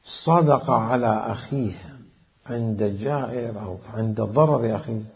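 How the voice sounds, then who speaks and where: A man teaching a classical religious jurisprudence lecture, deliberate, posing questions and answering them himself. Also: on the low side. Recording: dull lo-fi recording.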